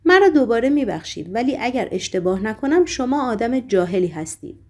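A woman voicing a weary, sorrowful man who speaks calmly, earnestly and apologetically. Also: a little high. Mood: calm, sad.

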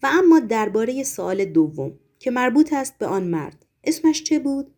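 A woman voicing a stern, probing male Roman governor who asks measured, formal questions. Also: on the high side, big pitch swings, darkish tone.

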